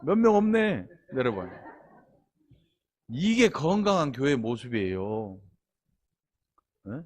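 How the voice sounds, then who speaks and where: Folksy pastor with a lilt. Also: male voice, medium pitch, very animated, slow pace. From Honam region of Korea. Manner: folksy, teasing the congregation with asides and questions. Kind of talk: sermon.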